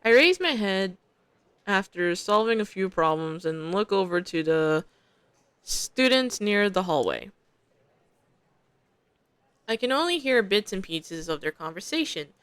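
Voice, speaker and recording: A woman's voice: mid-range voice, big pitch swings, unhurried, pauses often, fairly bright tone, smooth, no room sound. Chatty young woman reading a game aloud. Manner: chatty, slangy asides between narration. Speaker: streamer. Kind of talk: reading a visual novel aloud with casual commentary.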